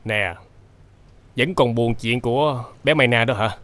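Man playing a teasing middle-aged father, Southern Vietnamese accent, unhurried speech, TV drama. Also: medium pitch, fairly bright tone, lightly acted. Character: teasing father of a grown son.

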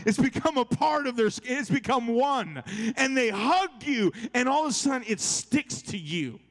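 A man preaching a sermon as a youth pastor, animated and joking, acting out little stories with quoted voices. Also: extremely high pitch, normal speed. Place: large church hall. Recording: church hall with long reverb.

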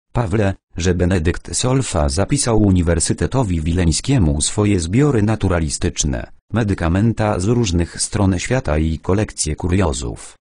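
Guy reading an older official w a stuffy cold, low husky voice, wry and unhurried. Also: darkish tone, dry recording, heavily acted.

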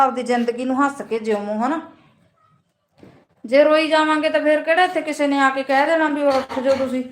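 High-voiced Punjabi woman on a live stream. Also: a bit bright, roomy sound, a little hiss or hum. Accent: Punjabi, Malwa. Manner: earnest, repeating advice and asking "right?". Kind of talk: casual motivational live stream.

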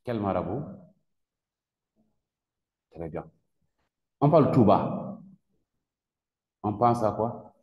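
A man's voice: fairly low pitch, animated, very slow, pauses often, dull audio. A man with a Senegalese French accent teaching a class, questioning students and repeating key words with emphasis. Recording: echoey classroom with long reverb.

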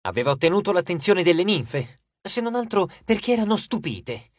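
A man reading an audiobook in a lively, expressive manner. His pitch moves a great deal, and the recording is close and dry. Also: normal speed, no echo. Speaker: audiobook narrator. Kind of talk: scripted narration.

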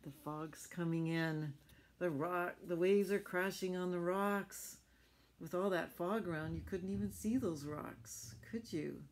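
With a lowish voice and a measured pace, a middle-aged woman reads a picture book aloud to children. She adds chatty explanations and little questions for them, sitting in a small furnished room at home.

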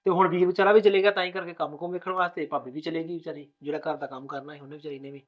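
A man playing a fast-talking reassuring young husband. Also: a little high, fairly even intonation, dull audio, natural voice. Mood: soothing. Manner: rapid, reassuring, soothing. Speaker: groom. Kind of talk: village family drama acting.

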